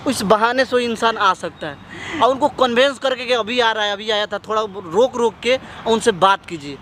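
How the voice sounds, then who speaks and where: A man acting as a friend who calmly coaxes a woman through a plan, in an amateur skit. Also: high-pitched, moderate pace, a little hiss or hum. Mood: advising. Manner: coaxing, instructive. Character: calm male friend giving scheming advice.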